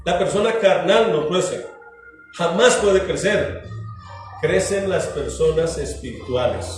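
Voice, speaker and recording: A pastor preaches to his congregation in a fairly high voice, asking questions and acting out little scenes. He speaks slowly and deliberately. He is heard from a distance in a very echoey church hall, with music playing behind him. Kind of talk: sermon.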